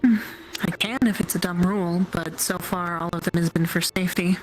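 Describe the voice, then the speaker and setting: A woman plays a dry, measured guard chatting on watch in a role-play game. Her voice is on the low side, with faint music underneath. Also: steady tone, close to an everyday voice, poor audio. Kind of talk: improvised in-character role-play, conversational.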